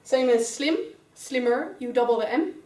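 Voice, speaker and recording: A young woman with a Dutch accent teaches an English class, going through each rule step by step and calling on pupils by name. Her voice sits a little high. It is caught from across an echoey classroom. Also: lively intonation, normal speed, warm tone. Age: young adult. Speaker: student teacher. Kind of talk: classroom grammar lesson. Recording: roomy classroom sound, mic far away.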